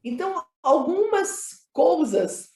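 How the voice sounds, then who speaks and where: Speaking slowly with a warm tone, this high-voiced woman sounds very animated as she explains her creative choices in a conversational interview. She's a film director from Minas Gerais, Brazil, with an emphatic manner, repeated phrases and frequent tag questions. The sound is roomy and full of echo.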